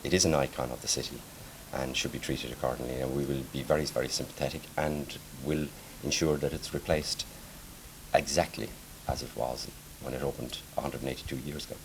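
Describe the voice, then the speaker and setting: A man's voice: very deep voice, steady tone, a little fast, rough recording. A man explaining plans formally in an interview, as a city official. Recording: faint background noise.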